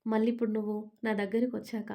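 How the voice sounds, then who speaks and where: A woman voicing a devoted, lovestruck man in a storybook reading, speaking softly and affectionately. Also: a little high, flat delivery, rapid-fire, close to an everyday voice. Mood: tender.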